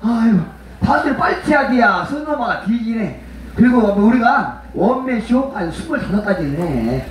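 This man, performing as a pumba entertainer at an outdoor festival, teases the crowd with brash, bawdy jokes and calls them mother and father. He speaks at normal speed in a very high, sing-song voice. There's a little hiss or hum, plus heavy echo, and his voice comes from far off.

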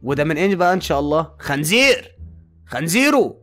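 A man's voice: a little high, sing-song, quick pace, bright, forceful tone, faint music behind. A man with an Egyptian accent voicing an exasperated male doctor at an asylum, scolding and then coaxing his patients. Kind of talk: fan-made game movie voice acting.

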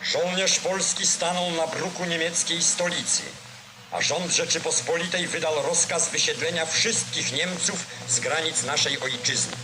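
Declamatory old newsreel man, higher-pitched. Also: noisy background. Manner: solemn, declamatory, formal delivery. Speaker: newsreel narrator. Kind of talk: old 1940s newsreel narration, scripted. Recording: vintage 1940s newsreel soundtrack with music.

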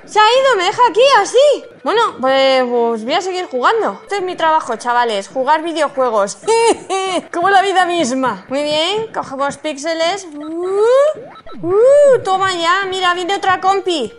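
A woman with a Spain Spanish accent giving excited, exclamatory commentary as she plays a video game. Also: extremely high pitch, a little slow. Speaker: gaming streamer.

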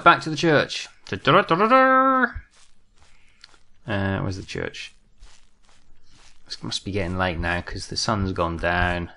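A young man chats his way through a survival game, joking with viewers as he goes. His voice sits low with a gravelly, crackly edge, yet it stays bright and forceful. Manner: chatty, jokey, talks to viewers while playing. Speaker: gaming let's-play host. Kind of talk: casual gameplay commentary.

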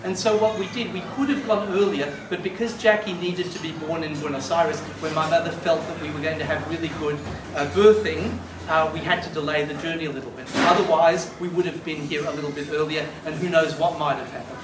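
In a glass-walled room beside a beach, an Argentine man in his fifties, a native Spanish speaker, tells a rambling story as a eulogist at a memorial. His voice is fairly high and a little fast with few pauses, and he is animated, gesturing broadly with both hands. Captured by a far-off camera, the audio is roomy, distant and noisy.

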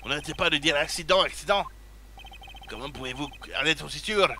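A man's voice: on the high side, a little fast, bright, forceful tone, a little hiss or hum. A man reading a cold, domineering woman boss. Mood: scornful.

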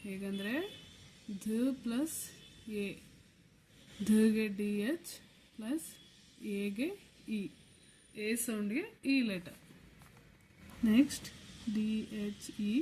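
A woman with a Kannada accent teaches the alphabet very slowly and patiently, spelling each letter one at a time. Her voice sits at an ordinary middle pitch. A faint hiss stays under her voice. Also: dark tone. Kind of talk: slow alphabet lesson.

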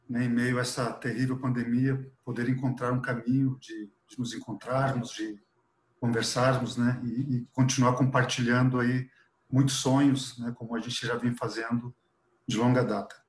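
A middle-aged man from Chile, a professor speaking unscripted and earnestly on a video call with a headset, dropping frequent fillers. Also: medium pitch. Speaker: professor, webinar panelist. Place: office with artwork behind. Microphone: earphone headset on a video call. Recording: echoey room on a video call.

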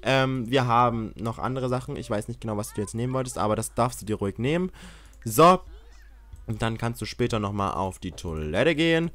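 A young man commentating a life-sim game he is playing, excitable and swearing, often yelling in mock outrage. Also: mid-range voice, brisk. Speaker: gaming YouTuber. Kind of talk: Let's Play commentary.

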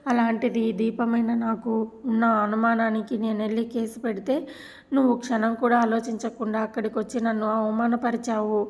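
A woman voicing an angry young granddaughter who shouts accusations at her family. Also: on the high side, little pitch movement, brisk, close to an everyday voice. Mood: angry, accusing.

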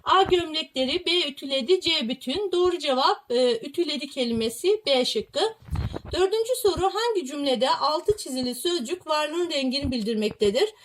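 A woman reading out test questions to young pupils and explaining each answer in a clear, patient way. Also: sits high, animated, normal speed.

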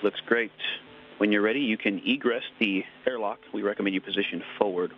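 A man's voice: lowish voice, fairly quick, a little hiss or hum. A man giving step-by-step procedural instructions over the radio as a spacewalk communicator. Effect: radio transmission. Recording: narrow tinny radio link, music behind.

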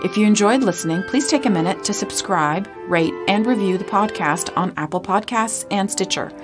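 A woman from the library staff reading the podcast's closing credits in a friendly, clear announcing manner. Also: medium pitch, moderate pace. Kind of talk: scripted podcast outro. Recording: voice over music.

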